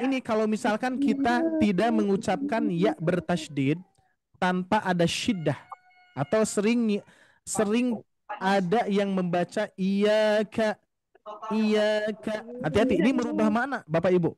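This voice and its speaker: A man's voice: high-pitched, darkish tone. A man teaching Quran recitation in an online class, explaining patiently and addressing his students politely. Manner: patient, explains slowly, often addresses "Bapak Ibu", models recitation drawn out. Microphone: video call.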